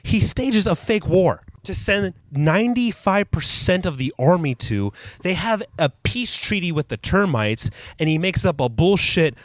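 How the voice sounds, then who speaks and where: A man's voice: high-pitched, measured pace, hardly any pauses, no echo. A man co-hosting a podcast in casual chat, telling stories with animation and acting out quotes. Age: adult with young kids. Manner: animated storytelling, acts out quotes. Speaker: podcast co-host.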